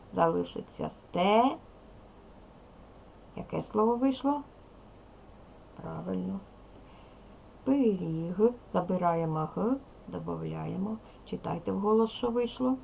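A woman's voice: lowish voice, creaky, warm tone, a little hiss or hum, rough recording. A woman teacher giving a video lesson to young pupils, carefully over-pronouncing sounds and giving instructions. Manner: addresses pupils with instructions and questions. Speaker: primary school teacher. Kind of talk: video language lesson for children.

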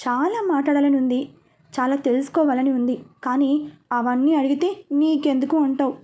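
A pouting young woman who teases and grumbles at the people close to her, as a woman storyteller reads her part. The voice is high and mellow, in a spoken audio story. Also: moderate pace, lightly acted. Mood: sulky. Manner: pouting, teasing. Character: sulky, playful young woman.

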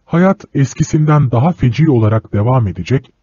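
A man narrating a literary audiobook in a steady, measured storytelling voice. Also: mid-range voice, husky, no echo. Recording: dull lo-fi recording.

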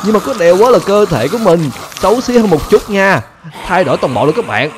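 A man's voice: sits high, sing-song, fairly quick, noisy background. A man giving chatty gameplay commentary, constantly addressing his viewers. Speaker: gaming YouTuber.

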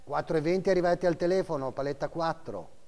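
A man's voice: fairly high pitch, quick pace, a little mellow. Middle-aged male auctioneer in a reverberant hall. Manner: repeats figures and bid increments in short clipped phrases. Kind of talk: live auction calling of bids and lot numbers. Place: auction house room, seated behind a desk, indoors.

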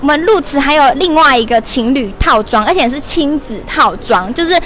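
A bubbly young woman with a high voice chats and giggles through a live-stream shopping promo. She talks into a hand-held lapel mic inside a large mall store, with faint shop ambience behind her. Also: expressive, normal speed, fairly bright tone, slight background noise. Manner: bubbly, laughing, chatty. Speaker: livestream shopping host. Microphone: wired lapel mic held in hand.

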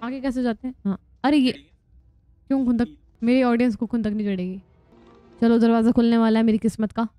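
A woman's voice: on the high side, little pitch movement, fairly quick, pauses often, dark tone, no room sound, soft background music. A young woman giving casual, joking gameplay commentary, chatty and prone to squealing laughs when scared. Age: young adult. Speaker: gaming vlogger.

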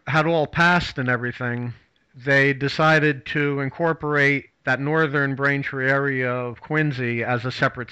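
A male talk-show host with a bright, crisp voice. He chats loosely, piling up fillers and false starts as he goes, in a dry, close sound. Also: medium pitch, no room sound, poor audio. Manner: rambling, full of fillers and restarts. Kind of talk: casual talk-show chat.

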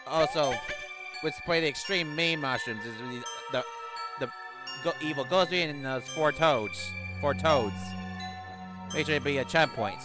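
Slow-talking male gamer with music behind. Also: a little high. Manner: halting, repeats himself and trails off. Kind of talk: video game let's play commentary.

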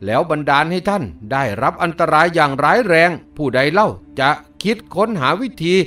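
A man voicing a clever, sharp-tongued young heroine in an audiobook, calm and measured. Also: a little high, soft background music. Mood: teasing.

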